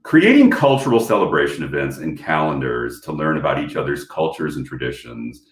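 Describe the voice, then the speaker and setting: This man's voice is extremely low, and he speaks briskly and with great animation. Calling in from home to a casual video panel, he rambles, restarting sentences and leaning on fillers, all in an echoey room.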